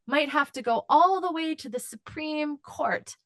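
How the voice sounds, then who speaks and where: A woman's voice: high voice, a little slow, fairly bright tone, dry recording. Earnest woman advocate, dry close sound. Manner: impassioned, with frequent fillers and restarts. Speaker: advocacy guest. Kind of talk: earnest interview answer.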